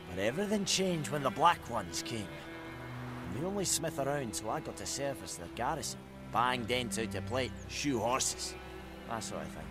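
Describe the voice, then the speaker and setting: An actor playing a bitter, sarcastic old village blacksmith who grumbles coarsely, in video game dialogue. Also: male voice, mid-range voice, natural voice. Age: older. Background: game music.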